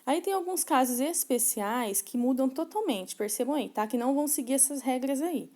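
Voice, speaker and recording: A woman teaching English grammar to learners, patiently explaining, checking in with short tags and slowing down to read example sentences. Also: high-pitched, expressive, dark tone.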